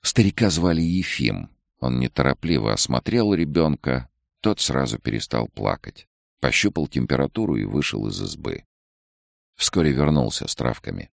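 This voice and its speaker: A man reading a novel aloud as an audiobook narrator, measured and expressive. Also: extremely low pitch, creaky, no room sound, clean studio sound.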